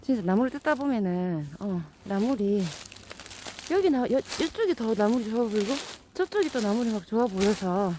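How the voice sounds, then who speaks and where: Foraging wild greens on a steep hillside, a woman with a Gyeongsang accent talks to her camera at a normal speed. Her medium-pitched voice has lively intonation, with noise behind it. She is chatty, playful, and quick to laugh in this casual vlog.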